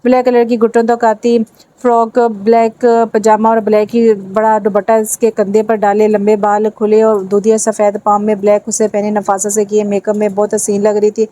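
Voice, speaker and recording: A woman reading a romance novel aloud as audiobook narrator, in a steady and even manner. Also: medium pitch, no room sound.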